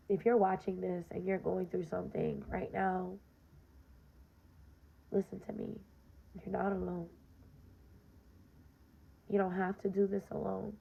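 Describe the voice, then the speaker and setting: A young woman with a very gravelly, raspy voice hosts a podcast, speaking directly to her listeners in a casual monologue. She's earnest and direct, with a fairly flat pitch and frequent "um" and "you know," and the recording sounds dull and lo-fi.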